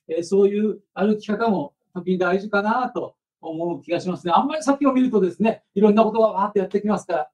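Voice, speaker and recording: A man's voice: sits high, darkish tone, recorded from a distance, rough recording. A male pastor leading a prayer and preaching a sermon, earnest and conversational, with frequent fillers.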